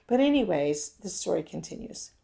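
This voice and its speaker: Very animated yet at normal speed, a woman with a lowish, creaky, dark-toned voice shares a personal story. A self-help speaker, she chats casually and addresses her listeners directly.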